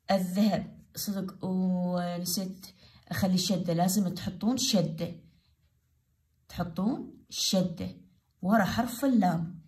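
A woman teacher with an Iraqi Arabic accent, giving a grammar lesson to primary pupils. She goes slowly, repeats each example word and asks questions that she answers herself. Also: fairly low pitch, darkish tone.

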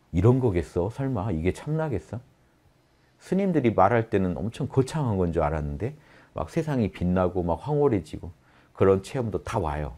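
A man teaching meditation in a lively spoken lecture, often acting out the inner voice in quoted asides. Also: lowish voice. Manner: addresses listeners directly, animated.

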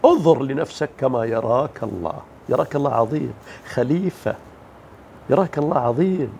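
A man's voice: medium pitch, expressive, fairly quick, vocal fry, darkish tone, slight background noise. A man giving a motivational religious talk, emphatic, asking rhetorical questions and mimicking the people he describes. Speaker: motivational speaker.

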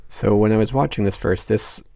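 A man's voice: lowish voice, a little fast, creaky, background noise. A man narrating a casual film commentary, amused and chuckling as he talks. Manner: amused, chuckles through lines. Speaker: video essay host.

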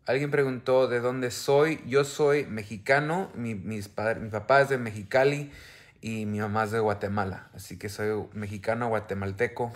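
A man's voice: fairly low pitch, fairly even intonation, moderate pace. A man in his thirties, raised in the United States, talking earnestly in Spanish and English with hesitant fillers, filmed on a phone held at arm's length on a home couch. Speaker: co-host, husband. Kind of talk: casual bilingual chat.

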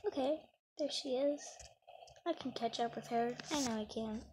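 Playing a roleplay game, a young female gamer chats away and talks through each of her actions in casual commentary. She speaks at normal speed in a slightly high voice over background noise.

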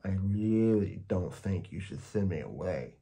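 A scruffy storybook boy monster, acted out by a man, low and slobbery. He drags his words, trying hard to be terrifying, and ends up whiny and goofy. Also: lively intonation, dark tone. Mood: whiny, sulky. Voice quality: slurping, slobbery. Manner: drawn-out, whining, trying to sound terrifying. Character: big scruffy whiny slobbering male monster with long tongue.

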